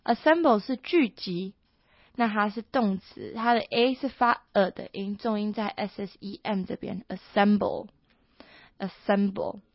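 A woman teaching English vocabulary, explaining pronunciation and repeating each word slowly. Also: mid-range voice, dry recording. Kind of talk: vocabulary lesson. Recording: dull lo-fi dry recording.

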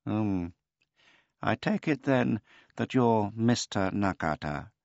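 A man voicing a weary, laconic elderly male tomcat who speaks in a dry, unhurried, noncommittal way. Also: on the low side, lively intonation, vocal fry, darkish tone, dry recording, highs cut off, pitched above the performer's own voice, full character voice.

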